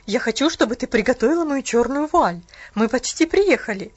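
A woman voicing a stern, bitter middle-aged aunt in mourning, talking sharp and clipped like she's giving orders, read aloud in a storybook. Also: sits high, animated, brisk, highs cut off. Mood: curt, bitter.

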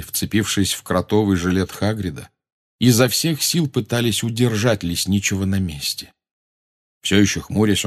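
A man narrating an audiobook with an expressive reading style. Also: on the low side.

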